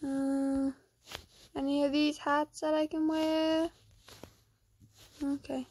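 A young woman chatting casually as she hosts gameplay, keeping quiet because others are asleep, tired and dry-throated from just waking up. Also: sits high, little pitch movement, slow pace. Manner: quiet, hushed, so as not to wake someone asleep. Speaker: gaming vlog host. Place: indoors at home.

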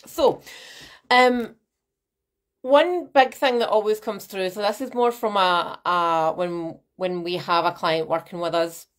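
A woman with a fairly low, slow voice leads a live-stream masterclass on nutrition from a small room in her home. She's captured by her laptop webcam mic as she chats in an animated way, gestures a lot and greets viewers by name.

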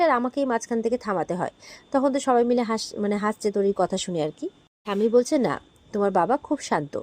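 A woman's voice: medium pitch, warm tone, no room sound. A woman casually retelling a drama episode, quoting the characters' lines and stopping often to correct herself. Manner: retells dialogue with frequent restarts and fillers. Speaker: serial recap narrator. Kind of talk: casual storytelling recap.

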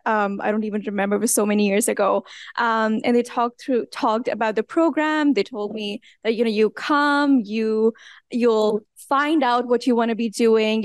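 A woman on an alumni panel tells her story in a lively, chatty way. Her voice is fairly high and smooth, and she uses many fillers. The sound is dry. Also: no echo. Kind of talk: answering on a live panel. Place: large university lecture hall.

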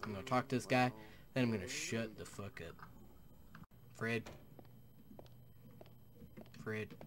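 A man's voice: mid-range voice, quick pace, crowd noise. A young man giving crude, joking gaming commentary, swearing often and dropping into whispered asides. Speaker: gaming YouTuber. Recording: keyboard clicks and typing behind voice.

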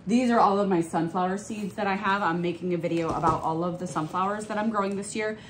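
A woman's voice: mid-range voice, fast talker, slight background noise. A woman in her thirties, a flower farmer, chatting enthusiastically in a casual vlog from her basement seed-starting room on a handheld phone camera.

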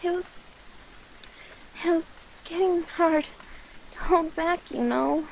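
Voicing a shy, affectionate catgirl familiar who clings to the listener in an ASMR roleplay, a woman pleads in a flustered, halting way, heavily acted. Her very high, slow voice has a gravelly edge, and the poor audio carries some faint background noise.

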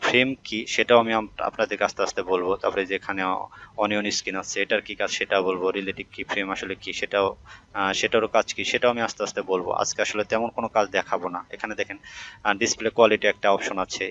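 A man giving a relaxed, screen-recorded software tutorial, talking the viewer through each step with frequent hesitations. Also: fairly low pitch, muffled recording, a little hiss or hum. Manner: conversational, many hesitation fillers, addresses viewer directly.

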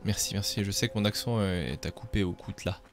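A man's voice: lowish voice, a little fast, soft background music. A man streaming a game, chatting casually with viewers and cracking self-mocking jokes. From France. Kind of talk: casual gameplay commentary.

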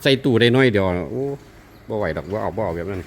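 A man's voice: lowish voice, fast talker. Isan man, rambling and chatty, talks straight to viewers, faint noise behind. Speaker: owner of a mobile sound truck band. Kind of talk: casual vlog update.

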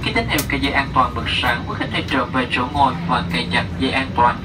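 A man's voice: medium pitch, quick pace. A man with a Vietnamese accent gives a scripted, bilingual flight safety demo announcement as cabin crew over an aircraft PA. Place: inside an airliner cabin. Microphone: cabin PA picked up by distant camera. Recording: noisy aircraft cabin PA, distant. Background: loud aircraft ambience.

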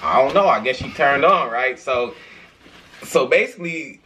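A young adult man who hosts challenge videos chats and tells joking stories in a slangy, rambling, giggly manner. His mid-range voice is expressive and sharp at a normal speed. The low-quality recording, made indoors in a small bedroom, carries slight background noise.

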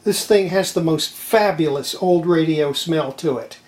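Speaking at a measured pace with a somewhat dark tone, an older, higher-voiced man gives an unscripted, casual workbench demonstration for his repair video as a hobbyist restorer. He's indoors in his home electronics workshop, where the sound is roomy and echoey, full of clattering tools and handling noise.

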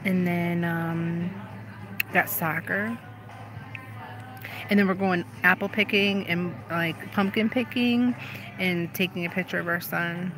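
A woman's voice: lowish voice, steady tone, slow pace, pauses often, a bit bright, rough recording. A woman in her thirties, chatting casually in a live vlog and answering viewers on her phone, outdoors at a vineyard. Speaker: vlogger. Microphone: phone held at arm's length. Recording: pop music playing outdoors behind. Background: pop music.

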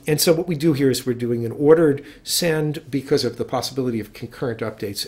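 A middle-aged man lecturing on software, explaining step by step and restarting phrases as he thinks aloud. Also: mid-range voice. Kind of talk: technical lecture.

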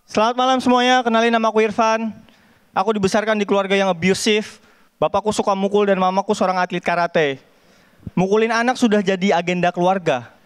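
Brief: young man, very high voice, animated stand-up with sound effects, TV stage. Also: fairly quick, clear, resonant tone. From Kalimantan, Indonesia. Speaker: stand-up comedian. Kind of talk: stand-up set. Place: TV studio stage with audience.

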